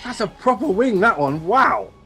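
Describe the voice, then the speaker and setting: A man's voice: high-pitched, expressive, normal speed, fairly bright tone, faint music behind. A man chatting casually as the host and interviewer. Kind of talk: casual chat.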